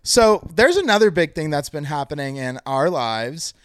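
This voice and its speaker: A young man co-hosting a podcast, chatting in a playful, expressive way. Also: a little high, moderate pace, clean tone, no room sound, studio quality. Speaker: podcast co-host. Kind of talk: casual chat.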